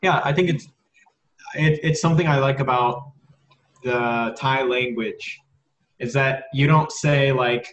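American man, mid-pitched, halting casual talker. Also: reverberant, highs cut off, slight background noise. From United States. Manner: halting, repeats words while explaining. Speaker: English teacher as podcast co-host. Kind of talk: casual chat.

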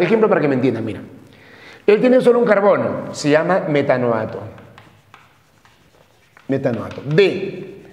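A man's voice: fairly high pitch, a little mellow, muffled recording. A man from Peru lecturing a chemistry class, who repeats each term and keeps checking that the students follow. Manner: repeats terms, checks with frequent questions. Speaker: chemistry teacher. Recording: echoey classroom with long reverb.

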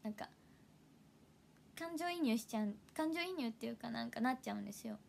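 A woman's voice: a little high, expressive, a little fast, gravelly, a little hiss or hum. Giggly young woman chatting on a livestream. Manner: chatty, giggly, drops into soft whispers. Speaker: idol livestream host. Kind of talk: casual livestream chat.

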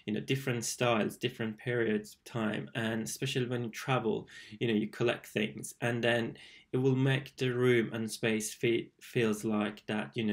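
Flat-toned man rambling design commentary. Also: mid-range voice. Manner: rambling, enthusiastic, many fillers and restarts. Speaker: interior designer reacting to a video. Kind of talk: casual reaction commentary.

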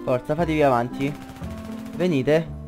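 A young man doing excitable gameplay commentary, swearing a lot and shouting in bursts. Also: fairly high pitch, measured pace, soft background music. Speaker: gaming YouTuber.

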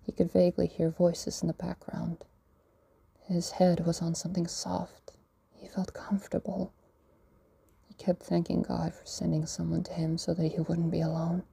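A woman's voice: lowish voice, monotone, moderate pace, vocal fry, dark tone, slightly rough. A woman reading a short story aloud, often slipping into an unvoiced whisper. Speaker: narrator. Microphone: home voice-over recording.

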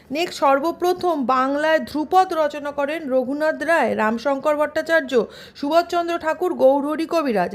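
A woman teacher with a Bengali accent from West Bengal, reading out multiple-choice questions and their options, then giving the right answer. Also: high voice. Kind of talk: exam revision lesson.

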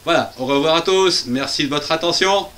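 A man's voice: fairly high pitch, brisk, a bit bright. A man presenting a children's reading lesson, spelling words out syllable by syllable with playful, chatty asides.

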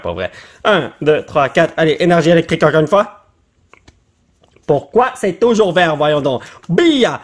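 A man with a Québécois French accent who talks in a high voice, his pitch leaping up and down as he comments excitedly. He is playful and drops English slang between his French phrases. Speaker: YouTuber opening card packs.

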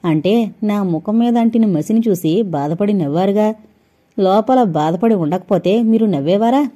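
A woman's voice: mid-range voice, warm tone, natural voice. Witty young woman, read by a woman narrator. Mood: teasing. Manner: playful, quick retorts.

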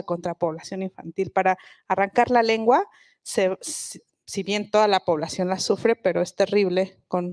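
A woman's voice: mid-range voice, darkish tone, no room sound. Reflective woman, dry close sound. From Oaxaca, Mexico. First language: Mixe. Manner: reflective, explanatory, with frequent restarts. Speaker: guest speaker, linguist. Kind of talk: public talk at a book festival.

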